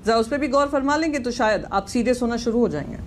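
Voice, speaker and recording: A woman speaking as a party spokesperson in a heated TV debate, sharp and sarcastic as she rebukes an opponent. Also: fairly high pitch, fast, slight background noise.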